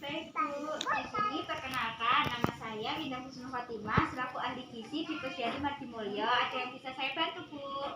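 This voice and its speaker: A young Indonesian woman with a high-sitting voice speaks at a normal speed, polite and formal, playing a nutritionist in a rehearsed counselling role-play. The recording is echoey, with a distant mic and clear background noise.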